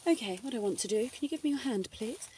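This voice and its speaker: A woman playing a flirty, teasing female doctor in a soft ASMR role-play, coy and playfully bossy. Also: on the high side, animated, quick pace, recorded from a distance, a little hiss or hum, natural voice.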